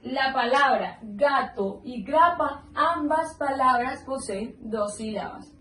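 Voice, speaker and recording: Woman teacher, high and unhurried, spells syllables out patiently; roomy, distant recording with faint hiss. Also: bright, forceful tone. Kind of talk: slow explanatory lesson. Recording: roomy echo, mic at a distance, faint background noise.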